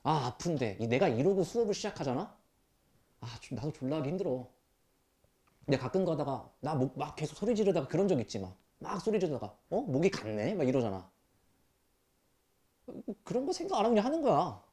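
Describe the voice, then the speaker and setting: A man teaching math to high school students, scolding them bluntly with rough language and rhetorical questions. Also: big pitch swings, brisk, long pauses, warm tone. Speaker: math tutor. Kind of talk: classroom lecture.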